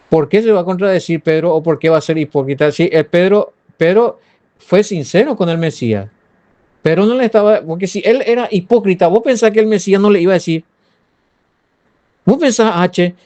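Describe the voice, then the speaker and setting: Animated Paraguayan pastor, fairly high voice. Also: male voice. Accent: Paraguayan Spanish. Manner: animated, rhetorical questions, addresses listeners directly. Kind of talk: Bible commentary answering listener comments.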